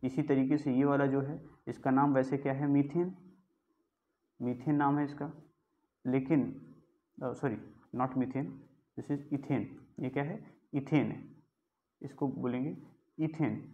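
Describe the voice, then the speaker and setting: A man's voice: medium pitch, fairly even intonation, slow pace, pauses often. A man teaching a chemistry class in a lecture style, asking questions and answering them himself. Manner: explains step by step, asks and answers his own questions. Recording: tinny phone-like sound.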